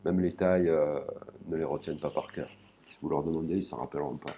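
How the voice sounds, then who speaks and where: Male language teacher, very low and mellow voice, slow and careful delivery. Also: steady tone, a little hiss or hum. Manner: slow, spells out sounds one by one. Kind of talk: spoken lesson.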